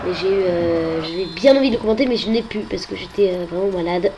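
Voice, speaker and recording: A woman with a head cold commentates on a football video game, hesitant and full of filler sounds. Her voice is lowish and fast, with background noise behind it.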